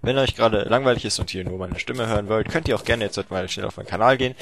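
A young man narrating his own gameplay in a goofy, self-mocking way, his lowish voice jumping into yelps and little shouts. The home recording carries clear background noise and clicking. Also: quick pace. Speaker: let's play commentator. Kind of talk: casual gameplay commentary.

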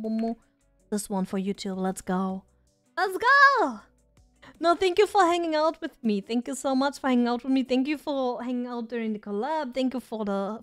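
A woman on a live stream rambles and chats casually, making fun of herself while she loses her voice. She speaks in a smooth voice on the high side.

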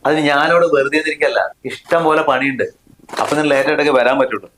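A man's voice: mid-range voice, fast talker, fairly bright tone, a little hiss or hum, lightly acted. An actor playing a scornful young husband who snaps at his wife in a family short film. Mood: angry. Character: harsh money-proud young husband.

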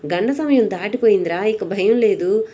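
A woman voicing a calm elderly male guru who reassures his disciple. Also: medium pitch, moderate pace, natural voice. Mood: reassuring.

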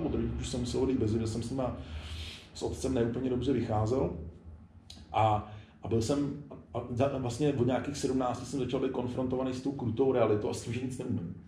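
Seated at a table inside a spray-paint shop, an illustrator and studio founder in his forties reflects casually during an interview. He has a medium pitch and warm tone, often starts sentences over, and emphasizes his points, while the roomy recording carries faint background noise.

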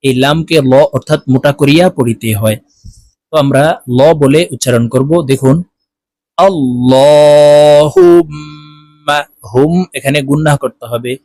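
A man's voice: darkish tone, dry recording. A man teaching prayer recitation, explaining word by word and chanting the phrases drawn out. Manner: explains slowly, then chants Arabic phrases drawn out and higher. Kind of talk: religious lesson.

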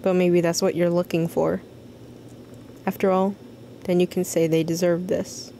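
Bitter, ominous masked game doctor, played by a woman: cold, deliberate, mellow, unhurried. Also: fairly low pitch, flat delivery, slight background noise. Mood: bitter accusing. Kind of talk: reading game dialogue aloud.

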